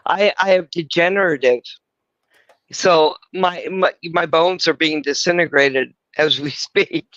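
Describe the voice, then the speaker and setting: Bright-voiced crude middle-aged woman host. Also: sits low, a little slow, dry recording, muffled recording. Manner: rambling, crude, self-mocking. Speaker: livestream host. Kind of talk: casual livestream chat.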